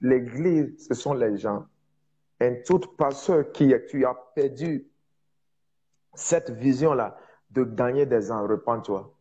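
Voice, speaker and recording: A man preaching in French with a foreign accent, a non-native speaker teaching informally on evangelism, with emphatic repetition and halting searches for words. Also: mid-range voice, animated, warm tone, slightly rough, highs cut off. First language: not French, speaks it as a second language. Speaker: preacher, prophet.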